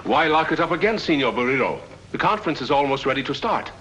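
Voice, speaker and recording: An actor playing a polite, calm European nobleman in a 1950s radio drama. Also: fairly high pitch, fast, a little hiss or hum, rough recording. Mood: placating. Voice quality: polite, soothing.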